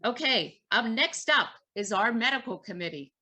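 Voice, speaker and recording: Woman running a zoom meeting, crisp bright voice, keeps things moving. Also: on the high side, expressive. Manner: brisk, thanking and introducing. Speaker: meeting moderator. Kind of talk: hosting a video call meeting.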